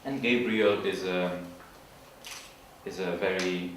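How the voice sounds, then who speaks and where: A man giving an informal literature presentation, explaining in a halting way and searching for his words. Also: deep voice, fairly even intonation, fairly bright tone. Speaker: student presenter. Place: large room at an evening school event. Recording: echoey hall from far off, faint noise.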